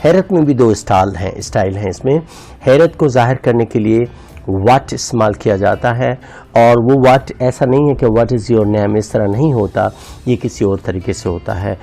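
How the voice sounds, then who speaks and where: A man teaching an online English grammar lesson, who calls his viewers friends and reads example sentences out slowly. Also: mid-range voice, mellow, faint music behind.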